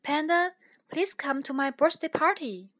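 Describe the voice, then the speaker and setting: A woman voicing a prim little girl doll who is hosting a party, polite but firm and clearly spoken. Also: sits high, lively intonation, unhurried, fairly bright tone, pitched above the performer's own voice.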